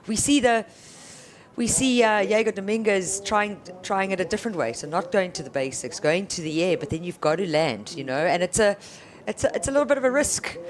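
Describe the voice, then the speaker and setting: A woman's voice: medium pitch, lively intonation, a little fast. A woman co-commentating on a surf contest with conversational, colloquial and appreciative analysis.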